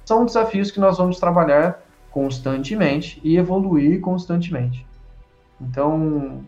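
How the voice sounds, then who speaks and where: A man whose first language is Portuguese leads an English lesson, slightly high in pitch and full of encouragement as he drills phrases. The sound is a bit dull and roomy, with faint music underneath. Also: measured pace, a little mellow. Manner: encouraging, repeats drills, praises often. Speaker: English teacher.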